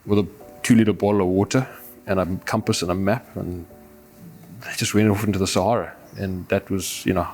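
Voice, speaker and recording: With a Zimbabwean accent and a low-pitched, darkish voice, this Zimbabwean overlander and adventurer talks fairly quickly with fairly even intonation. As a documentary interviewee he is reflective, earnest and philosophical in tone, conversing over background music.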